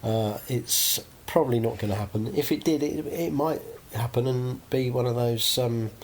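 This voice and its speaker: Male podcast host, mid-pitched, hedging and chatty, casual chat. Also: moderate pace, slight background noise. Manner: hedging, chatty, full of tag questions.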